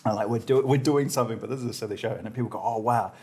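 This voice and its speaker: A man hosting a casual comedic chat, animated and acting out bits of dialogue as he tells anecdotes. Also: medium pitch, racing. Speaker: interview show host.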